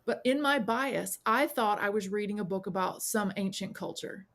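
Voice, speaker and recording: Woman, forties, podcast guest, lively storyteller who acts out quoted voices. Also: medium pitch, moderate pace. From South Carolina, US. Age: 40s. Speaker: podcast guest, witch and priestess. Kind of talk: casual storytelling interview.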